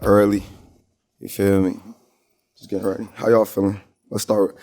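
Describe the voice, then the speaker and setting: An American man from Minnesota speaks as a guest on a podcast, telling slangy, rambling stories in a casual interview. His voice is on the low side and a little mellow, with a flat delivery at a moderate pace over soft background music.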